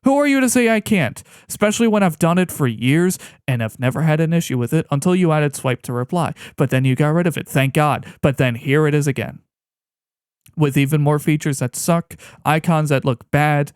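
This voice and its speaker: A man with a fairly high, smooth and clear voice, ranting off the cuff on a podcast. His delivery is sarcastic and exasperated, and the sound is close and dry. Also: a little fast, darkish tone, no echo. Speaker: podcast host. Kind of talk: improvised rant.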